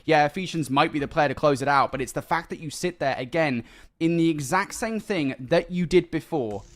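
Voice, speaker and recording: Excitable male esports play-by-play caster, voice a bit on the high side. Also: brisk. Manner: excitable, exclaims loudly at big plays. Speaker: esports commentator. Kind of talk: live esports play-by-play and analysis.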